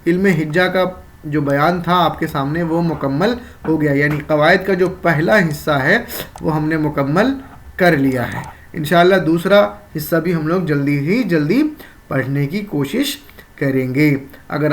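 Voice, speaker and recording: Fairly high-voiced man teaching grammar. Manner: explains step by step, repeats key terms, asks and answers his own questions. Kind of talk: exam-prep grammar lesson.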